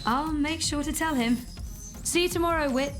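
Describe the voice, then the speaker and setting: A woman's voice: high-pitched, moderate pace, over music, close to an everyday voice. A woman playing a kind young workshop employee in a video game. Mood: wry. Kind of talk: video game character acting.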